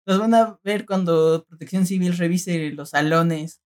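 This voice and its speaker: Young adult woman, Mexican accent, casual slangy storyteller, lower-pitched voice. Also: a little slow. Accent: Mexican Spanish. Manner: animated slangy storytelling, peppered with filler words. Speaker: storyteller among friends. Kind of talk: casual chat.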